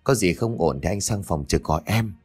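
A man voicing a brisk, polite young nurse giving instructions. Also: low voice, animated, darkish tone, slightly rough, no room sound, faint music behind.

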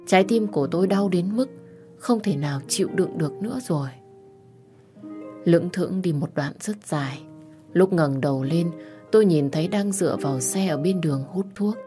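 A woman narrating a first-person audio story in a soft, measured way, voicing every character herself. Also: low-pitched. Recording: soft music underneath.

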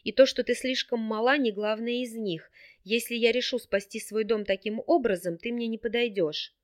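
A woman's voice: a little high, fairly even intonation, normal speed, close to an everyday voice. Female narrator playing a curt, proud young noble; clipped, impatient delivery.

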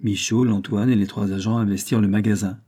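A man narrating a crime novel as an audiobook, with steady storytelling. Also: fairly low pitch, fast.

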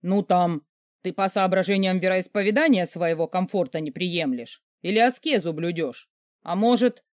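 A woman voicing a hulking, short-tempered rich man who yells, snarls and mocks. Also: sits low, fairly quick, no echo, clean studio sound, natural voice. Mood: sarcastic. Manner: yelling, sarcastic, snarling. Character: furious rich man, a hulking grumpy boss.

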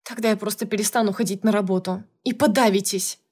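A young woman clerk, quick to take offense and snap back , voiced by a woman reading the book. Her retorts are indignant and sharp, part of an audiobook. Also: medium pitch, fairly even intonation, husky, natural voice. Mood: defiant. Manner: indignant, snappy. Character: young female office worker, touchy and defiant.

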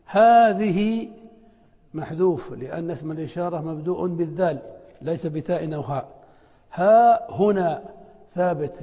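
A man's voice: fairly high pitch, breathy edge. A middle-aged man teaching a classroom lesson on spelling, asking students questions and then answering them himself. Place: lecture hall with students. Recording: dull lo-fi recording with long hall reverb.

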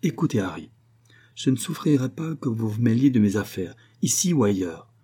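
A man's voice: medium pitch, very animated, moderate pace, warm tone, husky. A man reading the part of a hostile, imperious baronet, cold and cutting in his questions. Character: haughty, hostile baronet, middle-aged man.

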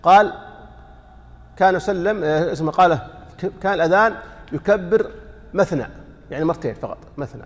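Male teacher, fast explanatory delivery that poses and answers its own questions, reverberant hall recording. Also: high-pitched, animated. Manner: explanatory, quizzing listeners with rhetorical questions; chants sample calls to prayer to demonstrate. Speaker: sheikh teaching a fiqh lesson. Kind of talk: classroom lesson explaining a text.

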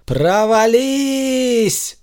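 Proud everyman hero, indignant, emphatic, lively pitch, as a man puts him on. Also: extremely slow, heavily acted. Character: proud humble man turned superhero, indignant.

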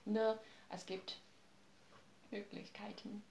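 Patient woman teacher, middle pitch, repeats each phrase, roomy classroom sound. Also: level tone, slow, vocal fry, a little mellow. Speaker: language teacher. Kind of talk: classroom language lesson.

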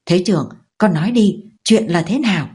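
A woman voicing a stern, sharp-tongued mother-in-law who scolds in a quick, shrill way. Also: lively intonation, husky. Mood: demanding.

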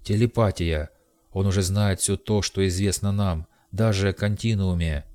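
A proud, domineering golden god who barks orders and rages when defied, voiced by a man reading the book. The voice sits very low and deep, recorded dry and close with no room sound. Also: steady tone, moderate pace, no echo, lightly acted. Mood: furious. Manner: commanding, shouting outbursts. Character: imperious male golden god, turning hysterical. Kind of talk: audiobook character reading.

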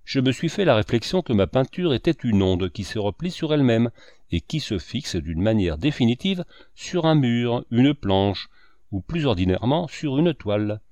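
A man's voice: medium pitch, big pitch swings, normal speed, darkish tone, dry recording, natural voice. A man doing an expansive, self-satisfied painter. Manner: enthusiastic, listing.

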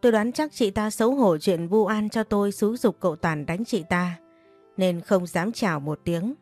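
A woman hosting her own channel, reading a romance novel aloud in calm, steady narration. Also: medium pitch, normal speed, faint music behind. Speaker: storyteller and channel host.

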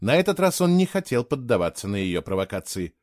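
A man reading a novel aloud in a measured, expressive storytelling way. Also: medium pitch, dry recording, studio quality. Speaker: audiobook reader. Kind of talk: scripted narration.

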